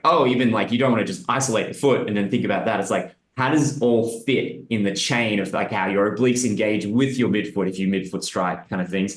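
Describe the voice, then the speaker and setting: A man's voice: on the low side, roomy sound. A man interviewing a former client, explaining at length in a casual, rambling way and acting out quotes. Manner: rambling, fillers like "sort of things", acts out quotes.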